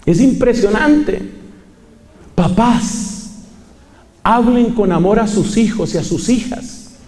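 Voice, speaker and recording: A man delivers a sermon in a large church hall. His voice sits a little high for a man but sounds mellow and warm. He stresses his points by repeating them and asking the crowd questions, and a long reverb trails behind his words. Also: measured pace. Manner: emphatic, repeats key phrases and asks the audience questions. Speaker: preacher. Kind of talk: sermon to a congregation.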